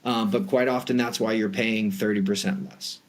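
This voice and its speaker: A man on the low side of pitch, steady in tone and speaking at normal speed, explains his industry as an expert interview guest. He is a private jet charter broker with a Boston accent, emphatic yet conversational.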